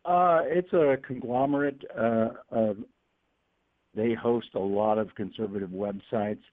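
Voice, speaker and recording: A man's voice: lowish voice, dry recording. Middle-aged man on a tinny phone line. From Northern California. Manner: halting, with frequent fillers and restarts. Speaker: guest editorial cartoonist. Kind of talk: talk radio interview over the phone. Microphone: telephone.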